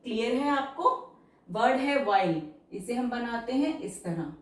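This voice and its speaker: A woman teaching shorthand step by step, patiently checking that each word is clear. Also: a little high, lively intonation, distant mic. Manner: slow, patient, checks understanding. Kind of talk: step-by-step lesson explanation. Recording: echoey room, voice away from mic.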